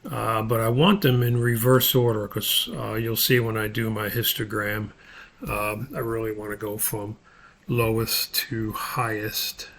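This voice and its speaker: An instructor narrates an unscripted spreadsheet tutorial, thinking aloud step by step in a halting way. His voice is gravelly, husky and on the low side, a bit bright, with a flat delivery.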